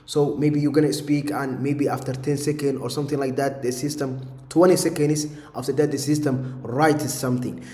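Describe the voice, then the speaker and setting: A man's voice: medium pitch, fairly even intonation, normal speed, darkish tone. A man streaming a live coding session, talking his instructions to an AI assistant in a rambling way, with many fillers. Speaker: streamer building AI automations. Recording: echoey room with long reverb.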